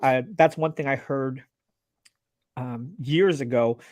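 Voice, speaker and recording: A man guesting on a live-streamed interview, sharing business advice in an earnest, animated way with frequent restarts over a video call. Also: mid-range voice, slow pace, no echo, clean studio sound. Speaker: guest, laser business owner.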